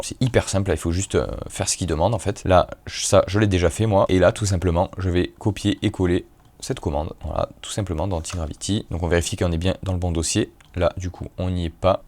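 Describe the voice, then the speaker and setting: A young man casually talking viewers through a screen-recorded tutorial, chatty and quick, with lots of fillers. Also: deep voice, a little mellow. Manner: quick, chatty, many fillers like euh and hop. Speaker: tech tutorial creator.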